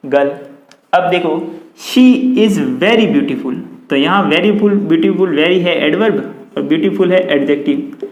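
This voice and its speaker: A man with a fairly high voice and a Hindi accent teaches a grammar lesson, repeating points patiently and spelling out example sentences slowly. He is recorded in an echoey room. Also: darkish tone. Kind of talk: classroom-style grammar lesson.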